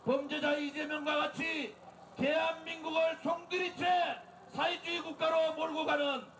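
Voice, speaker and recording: A man delivering an impassioned, declamatory political rally speech as the leader, exhorting listeners and shouting slogans. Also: very high voice, flat delivery, measured pace. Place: outdoor street rally in front of a building. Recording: outdoor PA, echoing, distant, noisy crowd.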